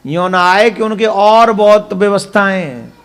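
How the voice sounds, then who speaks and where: Emphatic high-voiced preacher. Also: male voice, a little slow, fairly bright tone, clear, resonant tone. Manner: emphatic, rhetorical questions to the audience. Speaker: katha preacher. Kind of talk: devotional katha sermon.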